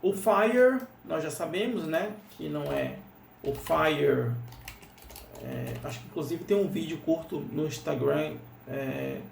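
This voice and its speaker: A Brazilian man with a fairly high, slow voice and some vocal fry walks through an English lesson over screen share. His Brazilian Portuguese accent comes through as he explains patiently, repeats himself, and keeps asking "né?" The mic sounds slightly distant in a roomy space, with faint noise.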